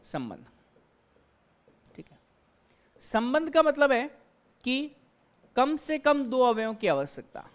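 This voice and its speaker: High-voiced woman teaching math step by step. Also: lively intonation, unhurried, pauses often. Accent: Hindi-speaking Indian. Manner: explains step by step, asks and answers her own questions. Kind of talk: classroom lecture.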